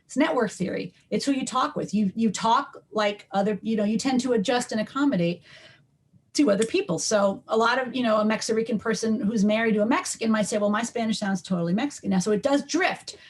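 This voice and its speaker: A woman's voice: fairly high pitch, brisk. A middle-aged woman from New York, a linguistics professor as podcast guest, explaining at length with frequent ums and restarts. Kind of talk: conversational podcast interview.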